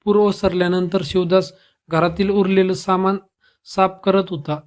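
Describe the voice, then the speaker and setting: A man narrating a scripted devotional story with a steady, even delivery. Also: sits high, moderate pace.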